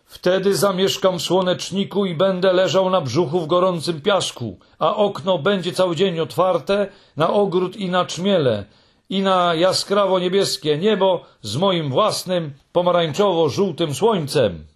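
A man voicing a young male Moomin troll, loud and defiant, from a storybook. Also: sits high, measured pace, voice pushed up. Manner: loud, defiant singing recital.

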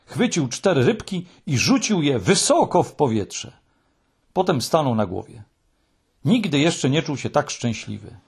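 Man reading a children's storybook, husky voice, lively melodic delivery, measured. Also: medium pitch. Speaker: audiobook narrator.

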